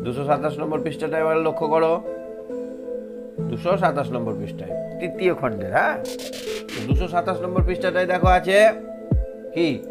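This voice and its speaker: A man's voice: on the high side, expressive, over loud music. Sing-song man teaching young kids. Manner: sing-song, slows to sound out words. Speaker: online teacher for first graders. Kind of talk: children's lesson.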